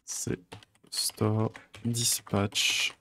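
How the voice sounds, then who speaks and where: A man chatting casually with his viewers while he codes on a live stream, rambling with many fillers and quick chuckles. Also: on the low side, level tone, gravelly, background noise.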